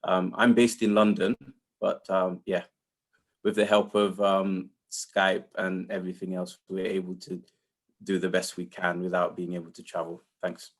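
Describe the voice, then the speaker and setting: A man with a fairly low voice and very little pitch movement introduces his work on a panel. He is informal and hesitant, pausing often as he explains. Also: completely flat delivery. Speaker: panelist, engineer and founder.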